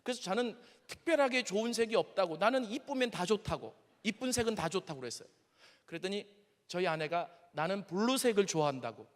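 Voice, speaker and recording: A man in his fifties preaches with a high, strongly swinging voice, warm and chatty as he turns to the congregation. His words ring out with the long reverb of a large hall. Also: brisk. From Seoul, South Korea. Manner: animated, conversational, addresses the audience directly. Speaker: pastor. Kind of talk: sermon lecture with personal stories.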